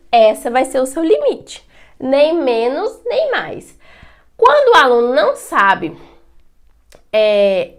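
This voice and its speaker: Brazilian woman teacher, animated, high voice, asks and answers her own questions, whiteboard lesson. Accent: Brazilian Portuguese. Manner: asks students questions and answers them herself. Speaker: writing teacher.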